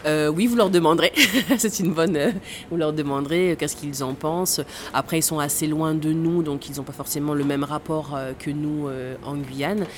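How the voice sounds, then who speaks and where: Speaking at a normal speed in a low-pitched voice, with slight background noise, a space center tour guide gives interview answers. She's in her thirties, from the Caribbean (born in Guadeloupe, raised in French Guiana), and explains hesitantly, using frequent fillers and laughing occasionally.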